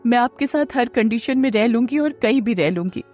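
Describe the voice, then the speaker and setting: A woman's voice: a little high, animated, a little fast, darkish tone, faint music behind, voice pushed up, natural voice. A woman narrator voicing an emotional young woman who pleads in a tearful, choked voice. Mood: pleading.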